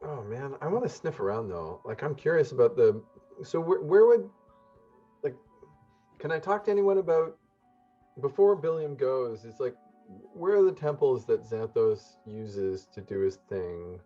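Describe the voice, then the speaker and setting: A man's voice: medium pitch, lively intonation, unhurried, lo-fi sound, faint music behind. A man playing a tabletop game, asking curious, rambling questions in casual talk. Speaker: player.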